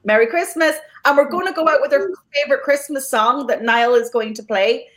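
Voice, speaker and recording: A woman's voice: high-pitched, fairly quick, fairly bright tone, low-quality recording. A woman hosting a podcast, talking casually and giving thanks with many fillers and restarts. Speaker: podcast host.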